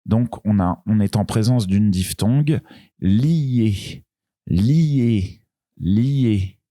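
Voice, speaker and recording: A man's voice: on the low side, dark tone, dry recording, studio quality. A man teaching beginners French pronunciation, patient and repeating each sound with care. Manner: patient, repeats each syllable with a drawn-out delivery. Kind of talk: slow beginner pronunciation lesson.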